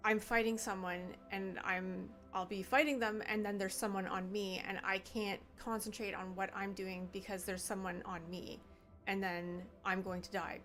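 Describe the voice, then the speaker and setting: A woman's voice: mid-range voice, flat delivery, measured pace, a bit bright, faint music behind. A woman from Canada hosting a gaming livestream, chatting casually and bluntly with friends and laughing often. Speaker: streamer.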